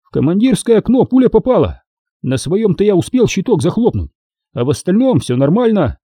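A man's voice: sits high, big pitch swings, brisk, dark tone, breathy edge, no room sound, clean studio sound, voice pushed up, exaggerated voice. A man reading an audiobook, voicing a young soldier who drives an armored car and reports plainly. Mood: matter-of-fact.

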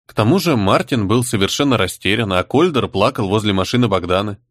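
A man narrating a fantasy audiobook in an expressive storytelling manner. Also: fairly low pitch, brisk, no echo, studio quality. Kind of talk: scripted narration.

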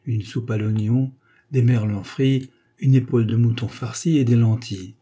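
A man narrating an audiobook of a comic short story, his voice dark and mellow with a husky grain. He reads at a measured pace with a light comic touch. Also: mid-range voice, fairly even intonation.

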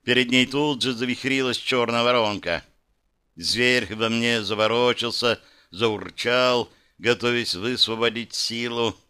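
A man's voice: mid-range voice, steady tone, a little slow, bright, forceful tone, smooth. A man narrating a first-person fantasy audiobook with dramatic, vivid storytelling.

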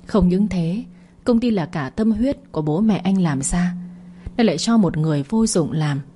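A woman narrating a story in a steady, even storytelling voice. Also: fairly low pitch, moderate pace, slight background noise.

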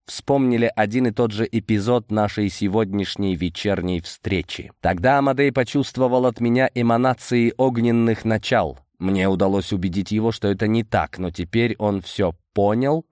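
A man reading a first-person story aloud in a steady, measured way. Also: lowish voice, no echo, studio quality. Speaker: audiobook narrator. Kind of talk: scripted first-person narration.

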